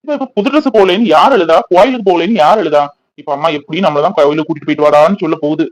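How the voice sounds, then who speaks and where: A man's voice: on the high side, rapid-fire, close to an everyday voice. A man voicing an irritable young son in his twenties who grumbles and mocks, in a cartoon. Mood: sarcastic. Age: 20s. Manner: sarcastic, grumbling, impatient. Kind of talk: cartoon voice acting.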